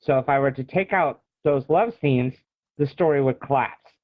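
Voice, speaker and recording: Being interviewed as an author, this American man from the United States, the guest author, speaks casually and expands on things like a storyteller. His pitch is medium and his pace moderate, with no room sound. The recording has a thin, phone-like call quality.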